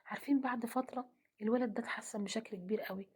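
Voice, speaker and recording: Egyptian woman, devotional speaker; quick, breathy, slightly high voice, soft half-whispered delivery. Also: fairly even intonation. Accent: Egyptian Arabic. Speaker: religious speaker. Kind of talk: gentle devotional talk.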